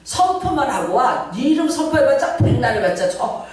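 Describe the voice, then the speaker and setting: A middle-aged woman pastor, preaching a fervent, dramatic sermon that swings from shouts to hushed asides. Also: sits high, big pitch swings, normal speed. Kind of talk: Pentecostal sermon. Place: large church sanctuary. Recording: very echoey church hall, from far off.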